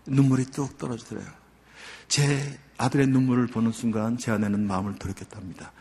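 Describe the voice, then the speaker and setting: An older man, a church elder, gives a heartfelt testimony, telling his story earnestly with many pauses. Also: medium pitch, fairly even intonation, mellow. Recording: long hall reverb.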